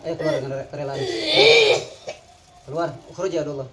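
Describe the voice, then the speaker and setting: A man leading a live Islamic healing session, giving firm, repetitive commands mixed with calming words. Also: a little high, moderate pace. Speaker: ruqyah healer. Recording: echoey room with a loud crowd.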